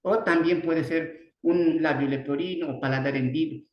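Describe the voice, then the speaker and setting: A man with a Bolivian Spanish accent giving an online speech therapy lecture, halting often, restarting words and tagging sentences with a questioning "no". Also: a little high, fairly even intonation, dull audio. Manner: halting, many restarts and "¿no?" tags. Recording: roomy echo.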